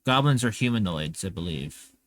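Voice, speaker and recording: A man's voice: low-pitched, animated, dry recording. A man running a tabletop game as game master, who keeps stopping to place tokens on the map. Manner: unhurried, stops to place tokens.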